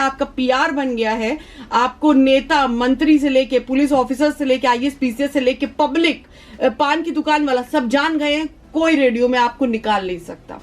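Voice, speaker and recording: A woman radio jockey giving an emphatic, animated casual interview and rattling off lists of examples. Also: high-pitched.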